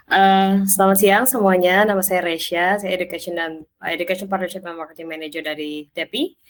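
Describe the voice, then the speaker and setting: A woman's voice: on the low side, steady tone, fairly quick. A woman presenting a business webinar, reading prepared points in a businesslike way with small stumbles. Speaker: education partnership and marketing manager, presenter.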